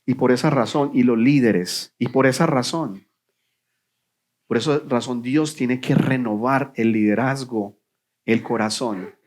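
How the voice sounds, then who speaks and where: A man preaching a sermon as pastor in a church, asking questions and answering them himself, dropping to a quiet low voice on the answers. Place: church sanctuary.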